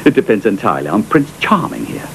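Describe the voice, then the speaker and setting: A man's voice: lowish voice, very animated, quick pace, a bit bright, slight background noise, low-quality recording. An actor playing a haughty, scornful rich aristocratic father in a dubbed film, speaking in a pompous, sneering manner. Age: middle-aged. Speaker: wealthy father.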